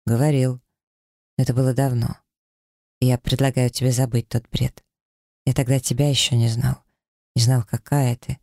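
Man doing a gentle confident guy in love, soft and reassuring, a little gravelly. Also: mid-range voice, flat delivery, normal speed, long pauses, dry recording, clean studio sound, lightly acted. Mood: tender. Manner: soft, warm-hearted and reassuring.

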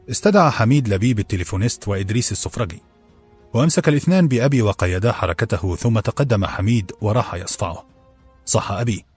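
راوٍ رجل بصوت عميق مبحوح. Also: male voice, lowish voice, a little mellow, slightly rough, no echo. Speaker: audiobook narrator. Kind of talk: scripted narration.

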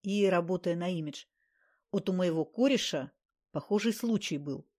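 A woman reading aloud and voicing a brash, cocky young man who teases loudly and bluntly. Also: high-pitched, lively intonation, moderate pace. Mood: mock-sympathetic. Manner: loud, teasing, laughing.

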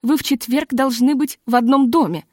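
A woman voicing a nervous, tall masked society lady who talks in a halting, hysterical, pleading way, read as an audiobook. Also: high-pitched, fairly even intonation, darkish tone, no room sound, studio quality.

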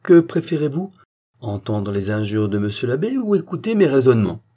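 Man reading as a calm, stubborn village philosopher. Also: mid-range voice, moderate pace. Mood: reasoning. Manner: calm, almost gentle, arguing point by point. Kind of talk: audiobook reading.

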